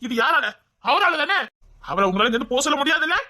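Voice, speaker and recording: A woman's voice: high voice, lively intonation, quick pace, pushed and bright. A woman voicing a hurt, angry grown son who pleads with his mother in a dubbed serial drama. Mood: bitter. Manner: pleading, accusing.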